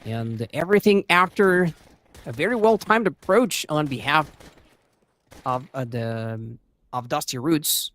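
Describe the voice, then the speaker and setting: A man's voice: fairly high pitch, animated, measured pace, fairly bright tone. A man providing live esports commentary as a match caster.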